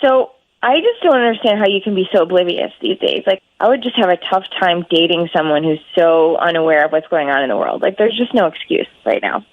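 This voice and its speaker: A woman's voice: on the low side, expressive, brisk, few pauses, no echo. A woman on a phone line, put through on speakerphone, talking bluntly and with exasperation, with lots of "like". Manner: blunt and exasperated, says "like" a lot. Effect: heard over a phone line on speakerphone. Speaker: radio call-in guest. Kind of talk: casual phone chat. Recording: tinny dry phone line.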